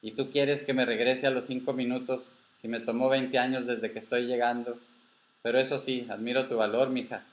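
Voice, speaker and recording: A man's voice: mid-range voice, flat delivery, moderate pace, natural voice. A man voicing a stubborn folksy old grandfather. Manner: folksy, affectionate, insistent. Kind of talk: storybook reading.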